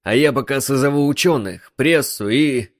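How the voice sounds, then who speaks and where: A man voicing an excitable, brash eccentric male inventor who talks in loud exclamations, in an audiobook. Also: medium pitch, normal speed, dry recording, studio quality, pitched above the performer's own voice, natural voice. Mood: excited. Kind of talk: audiobook reading.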